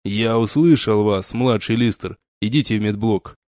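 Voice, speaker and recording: A man voicing a stern, weary starship captain who gives slow, measured commands in an audiobook. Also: on the low side, a little mellow, no echo, clean studio sound, close to an everyday voice. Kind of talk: audiobook character reading.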